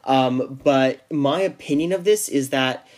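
A man's voice: medium pitch, a little slow, a little mellow. Rambling young man on a casual podcast. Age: young adult. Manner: rambling with many restarts and fillers. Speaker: podcast co-host. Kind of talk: casual chat.

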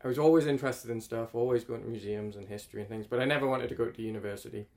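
A climate researcher from northeast England talks casually as an interview guest, rambling and correcting himself as he goes. His medium-pitched voice is a little mellow and rapid-fire.

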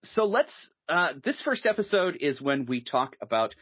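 Animated man hosting, lots of filler. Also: fairly high pitch, moderate pace, breathy edge, dry recording. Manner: animated, hesitant with many fillers, laughs easily. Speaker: podcast host. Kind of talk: casual podcast chat. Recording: dull lo-fi sound, dry.

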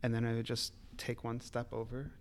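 A man's voice: medium pitch, monotone, a little fast, background noise. A man, a liquor retailer telling rambling, laughing stories in a casual podcast chat. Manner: rambling storyteller, laughs often, swears. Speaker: liquor store retailer, guest.

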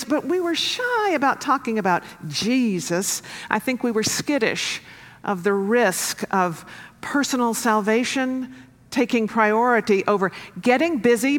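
A woman pastor delivering a sermon in a measured, earnest way, building to emphatic rises. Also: fairly high pitch, fairly bright tone. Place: church sanctuary. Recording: long reverb of a church hall.

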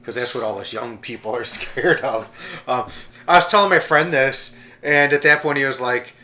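A man's voice: mid-range voice, normal speed, bright, forceful tone. A young man co-hosting a casual comedy podcast, rambling and joking, often swearing and mimicking people he tells about. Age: young adult. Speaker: podcast co-host.

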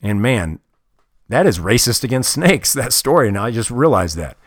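A man delivering a tough-love motivational talk, blunt and full of swearing. He sits in a middle pitch and leans hard into his key lines. The sound is dry and close, with no room around it. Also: sing-song, normal speed, dry recording. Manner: blunt and profane, emphatic. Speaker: motivational speaker.

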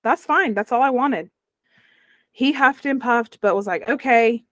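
This young woman, speaking at a measured pace in a fairly high voice, is a guest recounting a personal experience in a casual interview. She animates her telling by voicing the people she quotes, and there's no echo.

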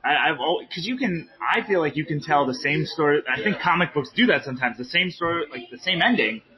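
High-pitched, excitable man in casual chat. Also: highs cut off, a crowd in the background. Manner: excitable, informal, quick to agree. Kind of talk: casual chat about comic books.

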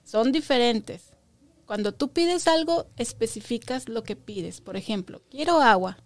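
A woman's voice: on the high side, expressive, unhurried, a little mellow, no room sound. A woman teaching a Bible lesson to children, patiently asking them questions and stressing key words by repeating them.

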